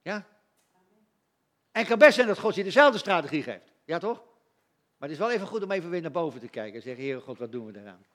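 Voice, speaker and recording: Male preacher, slightly high voice, conversational and animated, acts out voices and asides. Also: fast, long pauses. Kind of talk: sermon.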